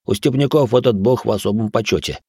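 Guy doing a jittery superstitious raccoon, hissy nervous warnings, voice pushed up higher. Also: quick pace, a little mellow, husky, dry recording, studio quality. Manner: nervous, hissing, fearful. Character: jumpy superstitious male raccoon spirit.

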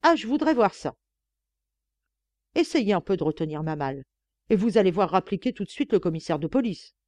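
A woman reading an audiobook, voicing a defiant young chambermaid who talks back loudly and indignantly. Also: mid-range voice, sing-song, fairly quick, dry recording, lightly acted. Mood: furious. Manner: indignant, sharp-tongued, raises her voice.

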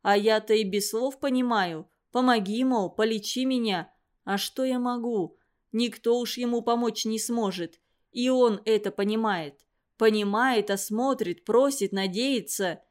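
A woman reading the lines of a grieving middle-aged male village doctor, speaking in pained, halting phrases. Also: a little high, close to an everyday voice. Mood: anguished.

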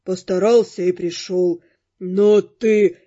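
A woman's voice: medium pitch, fairly even intonation, slow pace, mellow, pitched below the performer's own voice. A woman voicing a grumpy, rude, scaly male ghost creature who hisses insults, on a dull lo-fi recording with faint music. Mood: grumbling. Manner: growling, hissing insults, then stiffly polite.

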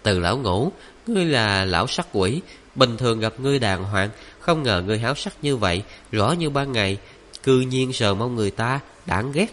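A man's voice: mid-range voice, expressive, moderate pace, fairly bright tone, natural voice. A man voicing a plump, flirtatious market woman in a storybook, scolding coquettishly. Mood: teasing.

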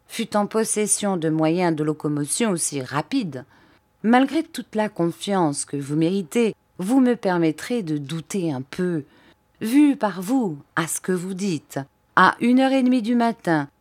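A woman reading aloud who voices a precise, careful male police officer, speaking in a measured, pleading way. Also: fairly low pitch, darkish tone, no room sound.

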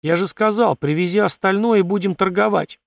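Man doing a firm no-nonsense leader guy, blunt, a bit gravelly. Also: high voice, fairly quick, no echo, pitched above the performer's own voice. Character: calm, firm male valley leader.

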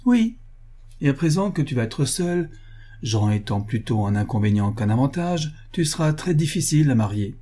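A man's voice: medium pitch, very animated, moderate pace, mellow. A man voicing an old family lawyer and guardian who talks in a blunt, scolding, fatherly way, proud of old nobility.

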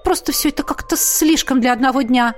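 A stubborn young necromancer woman , as a woman reading a fantasy audiobook voices her, frightened but pushing on. She speaks a bit higher than the reader's usual voice, sharp and snapping. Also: fairly quick, soft background music, close to an everyday voice. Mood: anxious.

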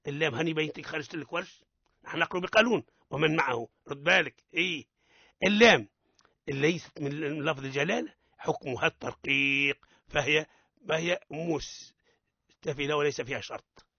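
A Tunisian-accented man leads a radio recitation lesson in a husky, high voice. He corrects errors firmly and stretches out example words slowly so the listener can copy them. The recording is dry and has a dull, lo-fi broadcast sound. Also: bright, forceful tone, dry recording. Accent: Tunisian Arabic. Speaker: Quran recitation teacher. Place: radio studio.

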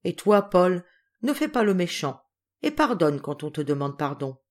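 A gentle, devout mother from a storybook, speaking softly and calmly, read by a woman. Her voice stays low and mild. She sounds patient and steady throughout. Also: moderate pace. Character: kind, pious, gentle mother.

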